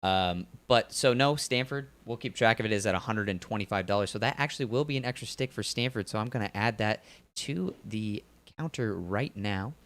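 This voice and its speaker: A man in his twenties doing relaxed, chatty live commentary on a gymnastics meet, trailing off with fillers. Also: fairly low pitch, fairly quick.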